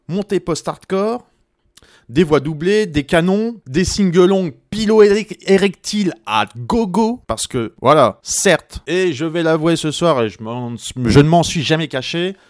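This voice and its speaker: A man's voice: a little high, dry recording, studio quality. A man hosting a radio music show, talking casually and jokingly about a band's songs, with plenty of hesitations and asides. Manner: chatty and joking, with many hesitations. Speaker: radio host.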